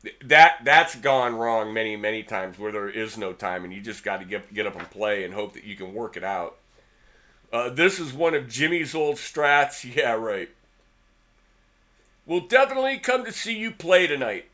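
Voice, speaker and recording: Bright-voiced man telling a rambling story. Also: fairly low pitch, moderate pace. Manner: rambling, anecdotal, repeats words. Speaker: guitar channel host. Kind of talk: casual storytelling to camera.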